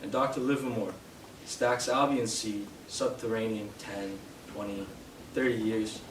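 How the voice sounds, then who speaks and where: A young man from Canada giving a live poetry reading in a bookshop, hesitant with fillers between poems and steady in his verse. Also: on the low side, measured pace. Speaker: poet. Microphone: distant from the mic. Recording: roomy, distant, noisy live room sound.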